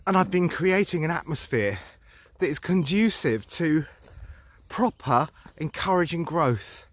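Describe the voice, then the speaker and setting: A man's voice: fairly high pitch, very animated, unhurried, no room sound. A middle-aged man walking outdoors through fields while filming himself, talking in a playful mock-serious way and a little out of breath. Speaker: vlogger. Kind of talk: walking vlog to camera, mock news report.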